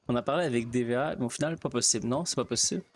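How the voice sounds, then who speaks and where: A man, chatting casually as a streamer, rambling and halting. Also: mid-range voice. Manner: rambling, halting, with restarts and fillers. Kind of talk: casual out-of-character chat while gaming.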